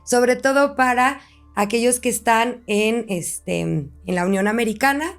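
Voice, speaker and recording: Woman, podcast host, casual, filler-heavy, soft music behind. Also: on the high side, unhurried. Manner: friendly, promotional, uses fillers like "este".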